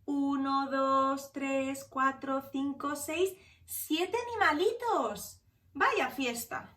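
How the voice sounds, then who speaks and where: A woman's voice: high-pitched, very slow, a bit bright. Woman, Spanish accent, bedtime story read-aloud, sing-song, echoey room, voice from a distance. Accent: Spanish (Spain). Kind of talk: children's picture-book read-aloud.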